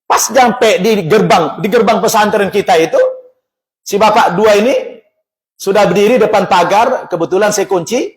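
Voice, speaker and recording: Man, high-pitched, religious teacher, lively storytelling, acts out dialogue, mosque talk. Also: moderate pace.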